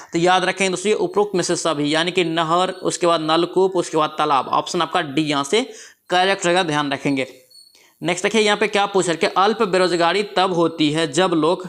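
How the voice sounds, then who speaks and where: An exam prep teacher with a Bihari Hindi accent goes through quiz answers, echoing each one back as a question. His voice sits high with a fairly bright tone, and a cold has left him with a sore throat.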